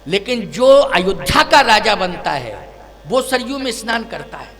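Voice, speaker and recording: A male preacher voicing a young prince who answers his mother gently and respectfully. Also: sits high, big pitch swings, a little slow, big-room sound, heavily acted. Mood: calm. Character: calm dutiful young prince.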